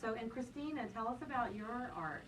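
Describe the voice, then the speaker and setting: A woman hosting a radio interview, chatty and enthusiastic, chiming in with quick reactions. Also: fairly high pitch, expressive, distant mic. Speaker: radio host. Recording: voice a little off-mic with light noise.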